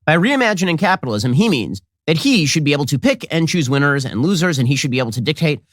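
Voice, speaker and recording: Animated, sarcastic male commentator. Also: a little high, fast, no room sound, clean studio sound. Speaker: political commentator. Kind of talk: commentary monologue.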